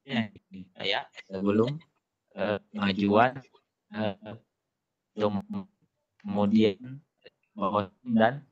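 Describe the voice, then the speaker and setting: A man with a fairly low voice presents to school staff over a video call, his words breaking up and cutting out on a bad connection. He talks haltingly, pausing often with "eh". The sound is dull and dry. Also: dry recording. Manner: halting, with many pauses and "eh" fillers. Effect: choppy, cutting-out audio from a bad connection. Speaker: webinar presenter.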